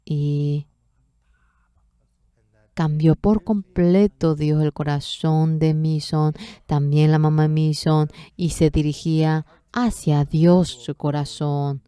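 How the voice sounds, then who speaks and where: Female sermon interpreter, low mellow voice, unhurried, measured storytelling. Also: fairly even intonation, clean tone, no echo.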